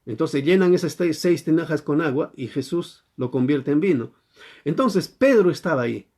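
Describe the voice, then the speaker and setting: Preaching to a church during quarantine, a male pastor with a Chilean accent teaches and regularly questions his listeners. His darkish voice is on the high side and animated, delivered at normal speed.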